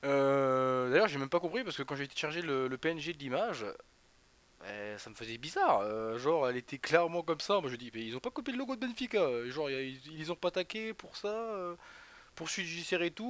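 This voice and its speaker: With a fairly high, somewhat bright voice, a young French Twitch streamer from the northeast comments animatedly and a little fast on a football match. He rambles and chats, addressing viewers directly by name.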